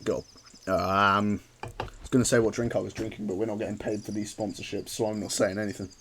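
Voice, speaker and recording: A man's voice: fairly low pitch, level tone, fairly quick, fairly bright tone, slight background noise. A man streaming a video game with rambling, chatty commentary that often breaks off mid-sentence. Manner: rambling, chatty, self-interrupting. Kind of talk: casual gameplay commentary. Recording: background music under voice.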